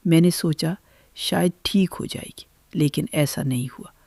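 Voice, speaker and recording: An older woman telling her own family story in the first person, in a measured, gentle way. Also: low voice, vocal fry, dry recording, studio quality.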